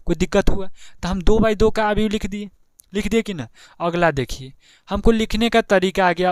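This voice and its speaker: A man's voice: sits high, clean tone, no room sound. A young male maths teacher with a Bihari Hindi accent explains a board exam lesson, talking in a chatty way, repeating each step and often checking "ठीक है ना". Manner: chatty, repeats steps, keeps asking "ठीक है ना". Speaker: math teacher.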